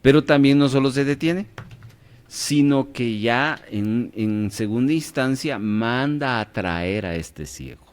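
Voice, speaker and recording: A man's voice: medium pitch, lively intonation, slow pace, clean tone. A man leading a radio Bible class, quizzing his listeners and checking in often to see that they follow. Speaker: Bible study teacher.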